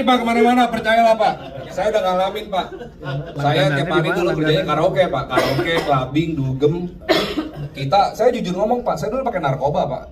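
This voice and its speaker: A man giving a sermon with a personal testimony at a men's fellowship. He talks animatedly and keeps addressing his listeners directly. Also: high-pitched. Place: church men's meeting room. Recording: echoey room, far from mic, light noise.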